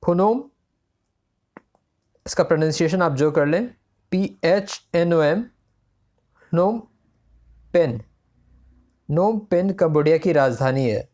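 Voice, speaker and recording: An exam-prep tutor runs through current affairs. The tutor poses a quiz question, then answers it. The tutor switches freely between Hindi and mid-sentence, at a pitch of middling height. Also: darkish tone.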